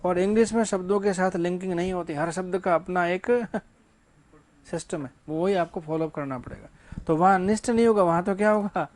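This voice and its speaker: A male English teacher with a high-pitched, slightly mellow voice lectures on grammar at a fairly quick pace in the classroom. He works through rhetorical questions he answers himself, mixed with casual joking asides.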